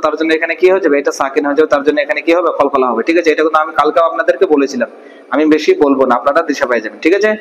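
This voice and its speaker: In an online Quran recitation class, a man with a rather high voice asks and answers his own questions, drilling students and drawing out verses slowly syllable by syllable. The audio is poor, with a roomy sound as if in a large hall.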